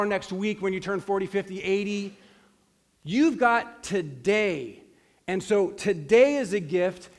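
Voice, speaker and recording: A man in his forties, a pastor preaching a sermon in an earnest, emphatic way, repeating his key phrases. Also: high voice. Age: 40s.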